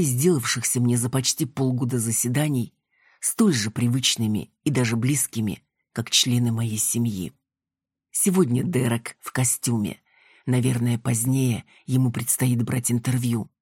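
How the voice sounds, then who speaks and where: A man reading a first-person audiobook in a measured, steady way. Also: medium pitch, husky, dry recording, clean studio sound. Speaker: audiobook narrator.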